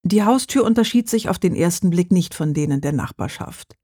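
A husky, slightly breathy voice reads a crime novel calmly and steadily. The sound is dry and close, with no room around it. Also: medium pitch, brisk, no echo. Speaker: audiobook reader.

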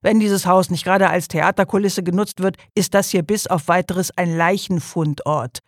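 A man voicing a gruff village policeman who barks blunt orders. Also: sits high, fairly even intonation, moderate pace, no echo, clean studio sound. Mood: scolding. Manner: loud, blunt, barking. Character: gruff loudmouthed male village cop.

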